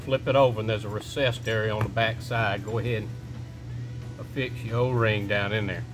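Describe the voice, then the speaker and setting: A man's voice: on the low side, steady tone, brisk. A middle-aged man in his workshop, walking through a repair step by step in a casual, folksy way. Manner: plain step-by-step talk with folksy phrasing. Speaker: shop owner showing a repair. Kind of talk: casual how-to instruction. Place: indoor workshop. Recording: music playing underneath. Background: background music.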